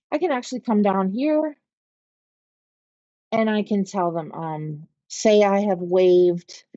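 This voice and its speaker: A woman with a Pittsburgh accent teaching real estate agents, talking them step by step through commission software and checking in with "okay?" as she goes. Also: on the low side, no room sound. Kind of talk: screen-share software walkthrough. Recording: slightly dull, lo-fi audio.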